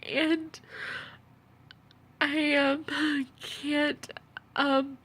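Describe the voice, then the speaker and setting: A tearful, upset woman who sounds as if she has been crying, giving a halting personal monologue in which she repeats her phrases. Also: high voice, flat delivery, fairly bright tone. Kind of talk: personal video monologue about own experiences.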